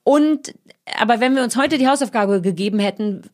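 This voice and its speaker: A woman's voice: fairly high pitch, a little fast, a little hiss or hum. A woman co-hosting a podcast in a studio, chatting casually in a blunt, joking, opinionated way. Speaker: podcast co-host. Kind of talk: casual chat. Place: recording studio. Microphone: studio mic with headphones.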